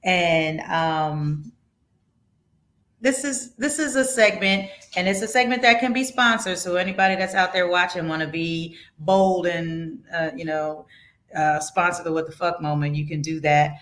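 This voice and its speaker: A woman's voice: on the low side, measured pace, fairly bright tone. A woman hosting a podcast conversation, talking casually and emphatically, swearing freely as she shares strong opinions. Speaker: podcast host.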